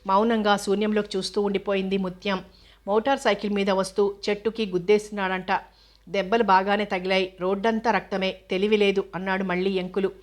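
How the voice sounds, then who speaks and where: A woman narrating a novel in a steady, even reading voice. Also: mid-range voice, a little fast. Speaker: audiobook narrator.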